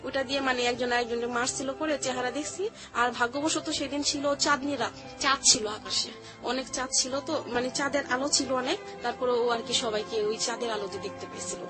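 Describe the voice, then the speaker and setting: Speaking a little fast in a high voice, this Bangladeshi-accented woman shares her own story as a guest on an interview. Her explanations are colloquial and repetitive, and music runs in the background of the recording.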